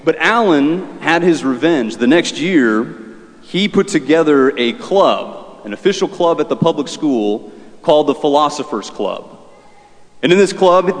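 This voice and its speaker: A man serving as priest, reading the Gospel in a measured way and then preaching a homily as earnest storytelling, his voice carrying a cathedral echo. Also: medium pitch. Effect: cathedral echo, long church reverb. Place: large church. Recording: echoey church with long reverb.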